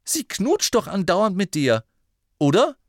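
A man's voice: lowish voice, very animated, measured pace, dry recording, studio quality, exaggerated voice. A man voicing an exasperated teenage boy wizard for a storybook, speaking in a raised, impatient, incredulous tone.

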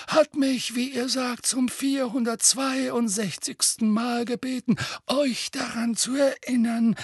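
A man voicing a wise elderly headmaster in an audiobook, speaking in a measured, gently dry manner. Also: very high-pitched, breathy edge, dry recording, voice pushed up, full character voice. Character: wise, dryly humorous elderly male headmaster.

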